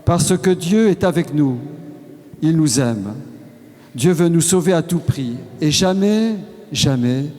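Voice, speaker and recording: A preacher gives a solemn sermon very slowly, pausing between short phrases. His voice is slightly high yet dark and mellow, and animated. A long reverb follows his words, and faint music plays beneath.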